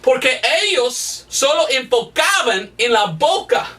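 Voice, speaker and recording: Animated preacher. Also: male voice, very high-pitched, slow pace, far from the mic. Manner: animated, acts out quoted voices. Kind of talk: sermon storytelling.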